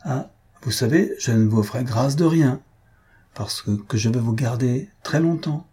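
A man voicing a lonely, kind country gentleman who grumbles and reproaches his friend. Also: mid-range voice, a little slow, husky. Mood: cordial.

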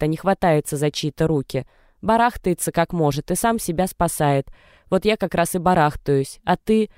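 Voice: medium pitch, a little mellow, clear, resonant tone, no room sound, clean studio sound, pitched above the performer's own voice, natural voice. Narrator voicing a sensible young woman friend. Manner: earnest, reasoning, reproachful. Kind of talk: audiobook character reading.

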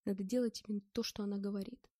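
A woman narrating a first-person novel in a steady, measured reading. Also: medium pitch, no echo, clean studio sound. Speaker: audiobook reader.

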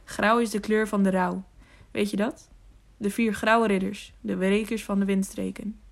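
A woman voicing a gruff, impatient bearded male knight who speaks curtly, in an audiobook reading. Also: medium pitch, level tone, moderate pace, lightly acted. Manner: gruff and curt.

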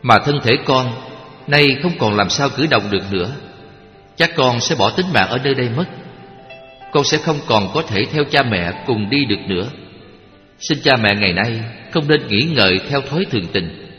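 A man's voice: mid-range voice, animated, normal speed, highs cut off, lightly acted. A man reading as a selfless young prince. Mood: earnest. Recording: echoey hall with faint music.

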